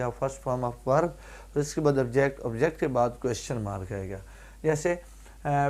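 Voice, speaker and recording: A man's voice: fairly high pitch, a little mellow. A man teaching English grammar in a video lesson, explaining step by step with frequent fillers and checking in with his viewers.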